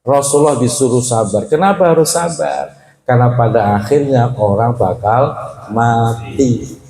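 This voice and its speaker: A male preacher giving a Quran study sermon, lively and humorous, talking to the men and reciting Arabic verses slowly. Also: medium pitch, creaky. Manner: slow drawn-out Arabic recitation. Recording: echoey hall.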